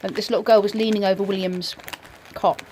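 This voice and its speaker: A woman casually telling a personal ghost story in a reflective, slightly hesitant way, pausing between short phrases. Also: medium pitch, level tone, darkish tone, a little hiss or hum.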